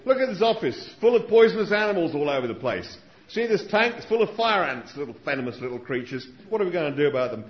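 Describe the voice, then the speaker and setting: A man doing a fed-up Australian doctor who has had enough of venom, grumbling and rambling in a high, light voice. The recording sounds dull and lo-fi. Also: very animated, quick pace, echoey room. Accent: Australian (put on).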